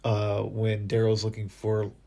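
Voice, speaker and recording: A man co-hosting a podcast, chatting casually about a TV episode in a laid-back, agreeable way with some hesitant pauses. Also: fairly low pitch, monotone, vocal fry, mellow. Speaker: podcast co-host. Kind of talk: casual chat recapping a TV episode.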